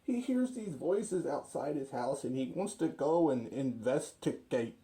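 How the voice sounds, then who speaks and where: Animated man arguing with himself. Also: a little high, measured pace. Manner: opinionated, argumentative. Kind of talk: comic monologue, arguing with himself.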